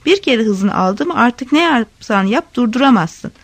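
A woman's voice: a little high, expressive, moderate pace, breathy edge, dry recording. A woman voicing a grumbling male peasant coachman in a read-aloud story. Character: rough peasant male coachman, gruff and frightened.

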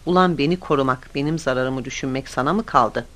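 A man voicing a hot-tempered, bossy male construction boss who talks down to people with impatient, scornful shouting. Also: mid-range voice, fast talker, natural voice. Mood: angry.

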